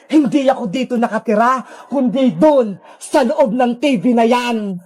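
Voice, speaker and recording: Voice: medium pitch, unhurried, a little mellow, pitched below the performer's own voice, lightly acted. A performer voicing a sly, taunting female ghost who lives in a TV, in a cartoon. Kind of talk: cartoon voice acting.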